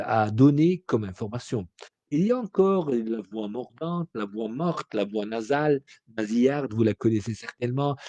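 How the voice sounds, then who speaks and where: A man lectures like a teacher, explaining step by step and pausing often to find his words. His voice is warm and mellow, set at a middle pitch, and the recording is dry and close with little room sound. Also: no echo. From Morocco. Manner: explanatory, with frequent hesitations. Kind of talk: spoken lecture.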